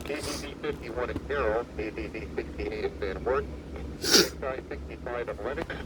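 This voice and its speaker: A synthetic male voice reading an automated weather radio emergency test in an even, measured way, played through a speaker. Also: mid-range voice. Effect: weather radio broadcast played through a speaker. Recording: distant speaker with loud background noise.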